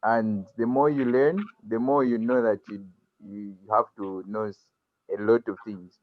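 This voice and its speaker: A nineteen-year-old man from Zambia, speaking haltingly and earnestly as a student guest on a video call. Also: lowish voice, steady tone, no room sound. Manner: halting, earnest, many restarts. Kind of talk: video call introduction and talk. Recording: dry, dull lo-fi call audio.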